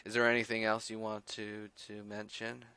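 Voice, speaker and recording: An officious male debriefing officer, played by a man as game master, stumbling through restarts and fillers. The voice sits low and comes across bright, with a dry, close sound. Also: monotone, clean tone, no echo. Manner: halting, full of restarts and fillers.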